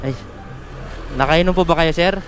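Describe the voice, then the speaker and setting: Polite young-sounding rider, riding in traffic. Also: male voice, a little high, normal speed. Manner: polite and apologetic, says sir often. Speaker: motorbike taxi rider and vlogger. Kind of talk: casual chat with a passenger. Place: outdoors on a motorbike in traffic. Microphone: small mic worn while riding.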